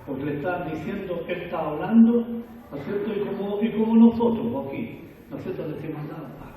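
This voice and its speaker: A man teaches a Bible lesson to a congregation, his voice pitched high. He quizzes the listeners and climbs to loud, emphatic peaks. He sounds far from the mic in a church hall with long, booming reverb. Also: a little fast. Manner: asks the congregation questions, rising to emphatic shouts. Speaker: Sunday school teacher.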